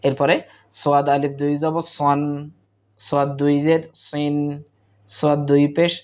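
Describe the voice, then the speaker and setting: A man's voice: fairly high pitch, monotone, moderate pace, darkish tone, clean tone. A man teaching Quran reading, patiently drilling each sound in repeated patterns. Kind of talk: slow spelled-out recitation lesson.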